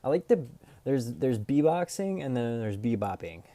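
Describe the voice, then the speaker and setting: A man's voice: medium pitch, big pitch swings, moderate pace, mellow, no room sound. A man streaming live, chatting casually and thinking aloud as he works, now and then scatting a beatbox. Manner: scat-beatboxes between remarks.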